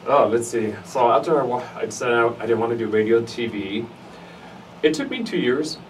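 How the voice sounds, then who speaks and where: A man's voice: mid-range voice, lively intonation, fairly quick. A middle-aged man with an East L.A. accent giving conversational interview answers, emphatic and given to repeating phrases in lists. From United States, East Los Angeles area. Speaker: interviewee, fraternity alum. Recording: noisy, distant mic, room ambience.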